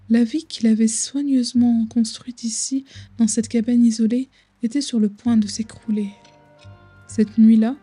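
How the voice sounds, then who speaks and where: A woman narrating a bedtime story slowly and soothingly, soft and breathy, in a hushed voice close to the listener's ear. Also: on the high side.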